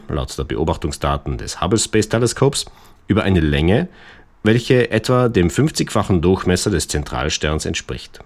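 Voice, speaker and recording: A man reading scripted science news in a formal manner as a podcast presenter. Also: low voice.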